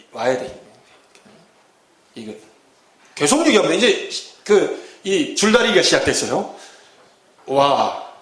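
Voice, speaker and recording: Preaching from a church sanctuary, a middle-aged male pastor has a voice that sits high and sounds a bit bright. The hall is echoey, and he dramatizes scenes in his sermon with theatrical voices.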